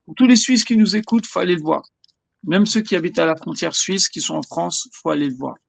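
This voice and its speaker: A man talking as a beatmaker guest in a casual live-stream chat, lively and quick to chime in. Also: high voice, gravelly, no echo.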